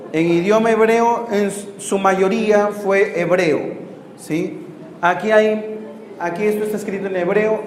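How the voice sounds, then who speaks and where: High-voiced priest lecturing in an echoey hall. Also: male voice. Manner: asks rhetorical questions, corrects himself, pauses to write. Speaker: missionary priest teaching a Bible course. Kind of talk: classroom lecture with questions to students. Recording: roomy hall reverb, faint background noise.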